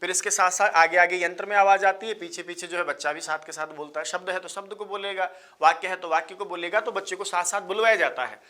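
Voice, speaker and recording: Bright-voiced male teacher drilling exam points. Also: high-pitched, quick pace, few pauses. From India. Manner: repetitive, drilling key points, addresses listeners as bhaiya and sahab. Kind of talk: exam-prep lecture.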